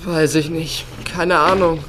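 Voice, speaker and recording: A sickly teenage boy, talking slowly in a lowish voice thick with swollen tonsils. He answers sheepishly and sparsely, as in a radio play. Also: fairly even intonation, background noise. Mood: miserable, sheepish. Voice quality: thick, sore-throated sound of swollen tonsils. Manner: halting, sparse replies. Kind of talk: audio drama acting.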